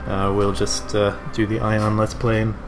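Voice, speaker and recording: A man livestreaming a game in casual, rambling and halting chat. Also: fairly low pitch, monotone. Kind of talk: casual stream chat over gameplay. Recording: game music, fan noise behind. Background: game music and a fan.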